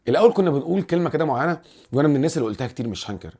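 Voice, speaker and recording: Rapid-fire Egyptian football vlogger man. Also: fairly high pitch. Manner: animated, rambling, repeats and restarts words. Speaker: football channel host. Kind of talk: casual football commentary vlog.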